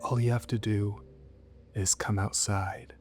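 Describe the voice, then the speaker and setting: A seductive, menacing demon woman from a horror tale, acted out by a man in a low voice. The speech coaxes in cryptic lines and slips toward whispers. Music plays underneath. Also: level tone, lightly acted. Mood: hypnotic, inviting. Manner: slow, coaxing, cryptic speech with soft whispered turns. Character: seductive, menacing female sleep paralysis demon, coaxing and cryptic.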